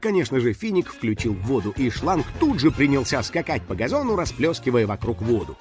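A man narrating a children's story in a lively, expressive way. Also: mid-range voice, brisk, music in the background.

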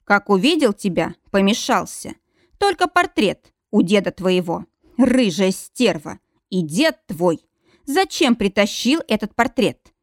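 A woman's voice: medium pitch, very animated, a little slow, dry recording, clean studio sound. A woman voicing an obsessed, menacing man. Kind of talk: audiobook reading.

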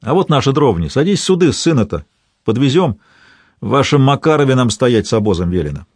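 A grim, burly village blacksmith, as a male narrator plays him speaks gruffly and plainly. The voice stays near an ordinary man's pitch, recorded dry and close. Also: big pitch swings, brisk, a little mellow, no echo. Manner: gruff, grumbling.

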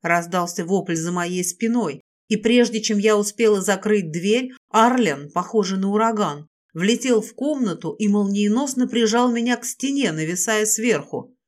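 A woman's voice: medium pitch, expressive, normal speed, few pauses. Woman narrating an emotional novel. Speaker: audiobook narrator. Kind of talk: first-person novel narration.

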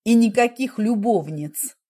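A woman reading an audiobook puts on a devoted, intense husband whose voice drops into a husky low murmur. He speaks insistently but tenderly, in a slow, unhurried delivery. The tone is dark and breathy. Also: expressive. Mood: calm. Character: passionate adult man, devoted husband, intense.

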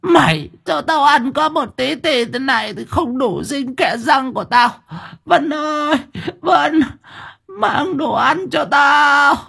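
A man voicing a crazed, ravenous old grandmother who screeches curses in a raspy, cracking voice. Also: very high voice, pushed and bright, pitched above the performer's own voice, full character voice. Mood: screaming rage. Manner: screeching curses, drawn-out wails.

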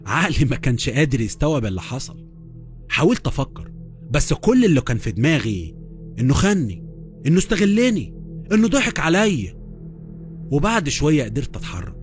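A man's voice: medium pitch, a little mellow. A man with an Egyptian accent narrating a first-person horror story in a tense, dramatic way. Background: faint music.

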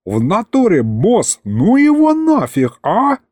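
A man's voice: high-pitched, huge pitch swings, slow, darkish tone, dry recording, clean studio sound, voice pushed up, heavily acted. A man voicing a panicky little imp who wails in street slang in a storybook reading. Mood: panicky wailing. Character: panicky small male imp sidekick, slangy and loud.

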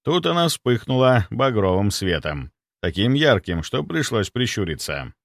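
Lively male audiobook narrator, dry sound. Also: lowish voice, a little slow, creaky, dry recording. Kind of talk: first-person audiobook narration.

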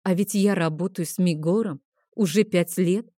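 A woman narrating a first-person fantasy novel in an expressive storytelling manner. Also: lowish voice, moderate pace, no room sound, clean studio sound. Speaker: audiobook narrator.

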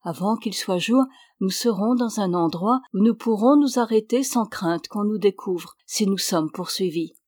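A woman reading the lines of a calm, devoted young man in a storybook, in an earnest, steady voice. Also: mid-range voice, normal speed, no echo, close to an everyday voice. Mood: serious.

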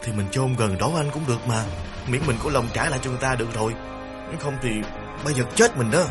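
A man's voice: on the low side, a little fast, music in the background, natural voice. A man doing a terrified young thief, pleading. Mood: frightened pleading. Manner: pleading, breathless, repetitive. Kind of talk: audiobook character voicing.

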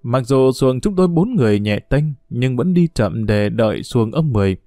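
A man narrates a story in a steady, even way. His voice is mellow and dark, recorded dry and close. Faint music plays underneath. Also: mid-range voice, moderate pace, no echo. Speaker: audiobook reader.

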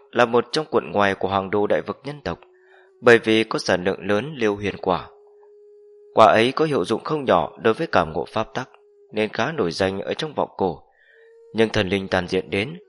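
A man reads a fantasy novel aloud as an audiobook narrator. His voice sits fairly low and his delivery stays steady and measured throughout.

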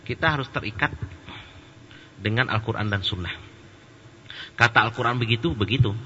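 A man gives a religious study talk in a conversational voice with a very bright, clear edge. He jokes at times and becomes loud and animated. The sound is slightly muffled, with long reverb from a hall and faint background noise. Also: fairly low pitch. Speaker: Islamic preacher. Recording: dull, with a long echo in a hall.

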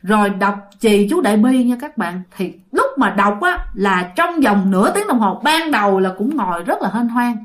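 A woman's voice: medium pitch, big pitch swings, normal speed, hardly any pauses. A woman telling ghost stories, chatty, with many fillers and often addressing the listeners. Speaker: storyteller. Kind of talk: ghost story narration.

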